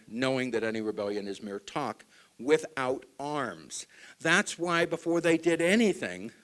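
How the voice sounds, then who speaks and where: Man giving a talk with dramatic hushes. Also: mid-range voice. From Utah. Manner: dramatic swings between loud and hushed; asks the audience questions. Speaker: speaker at a group meeting. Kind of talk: public talk to an audience.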